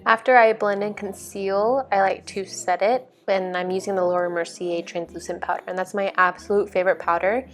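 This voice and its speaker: Speaking a little fast with few pauses, this young vlog host uses a medium-pitched voice with fairly even intonation. She chats informally about her makeup routine while music plays behind her.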